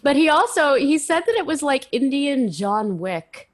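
A woman's voice: high voice, big pitch swings, a little slow. A woman hosting a podcast, chatting casually and informally with frequent asides. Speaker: podcast host. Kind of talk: casual chat.

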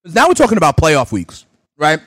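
A man's voice: on the high side, fairly quick, no room sound. A young man hosting a fantasy sports radio show, chatting casually and animatedly while opening gifts. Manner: animated, exclaiming, talks with mouth full.

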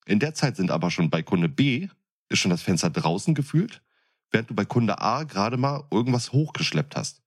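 On a casual podcast, a co-host who is an experienced window fitter argues his opinion in blunt, coarse, emphatic colloquial speech. His voice is on the low side, with big pitch swings and a moderate pace.

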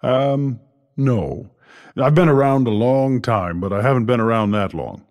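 A man playing a jolly, kindly old Santa Claus on a podcast, talking gently and without hurry. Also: medium pitch, measured pace, close to an everyday voice. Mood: thoughtful. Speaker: podcast co-host. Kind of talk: scripted character podcast with live calls.

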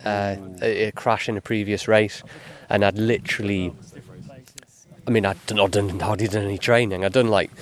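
This is a man with a low voice, a cyclist being interviewed. He talks in a modest, easygoing way. His answers wander, full of "you know" and "like.". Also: normal speed. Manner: modest, relaxed, rambling with fillers like "you know".

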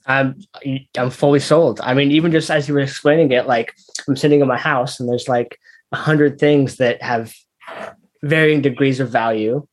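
A man's voice: medium pitch, steady tone, moderate pace, poor audio. A man in a casual interview chat, talking like a tech bro with lots of "like" and "you know".

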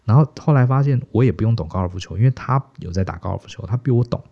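A middle-aged man from Taiwan telling stories casually as a podcast co-host, animated and chuckling. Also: lowish voice, racing. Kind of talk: casual storytelling. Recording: dull, muffled podcast audio.

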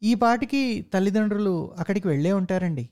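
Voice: mid-range voice, animated, a little fast, a little mellow, lightly acted. A narrator playing a humble, crafty male office clerk who explains himself politely to his boss. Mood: deferential. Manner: deferential, polite.

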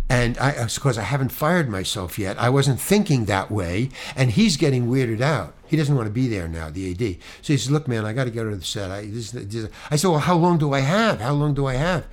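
A man, an actor, telling a story in conversation, animatedly voicing both sides of each exchange. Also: medium pitch. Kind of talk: anecdote in conversation.

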